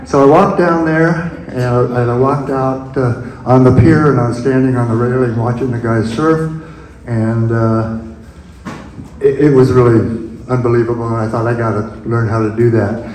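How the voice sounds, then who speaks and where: An older man telling rambling personal memories at a museum event, halting and chuckling now and then. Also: mid-range voice, steady tone, a little mellow, echoey room, rough recording. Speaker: invited speaker.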